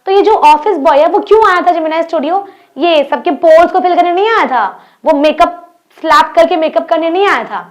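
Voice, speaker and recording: A young woman teacher with an Indian accent, explaining an English textbook story in Hindi, reading the English lines slowly and asking her students questions. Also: very high-pitched.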